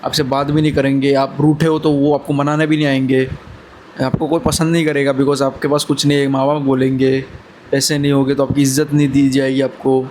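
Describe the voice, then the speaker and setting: A man's voice: medium pitch, little pitch movement, fairly quick, noisy background. A man in his twenties giving earnest, brotherly motivational advice in a casual talk to camera. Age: 20s. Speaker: vlogger.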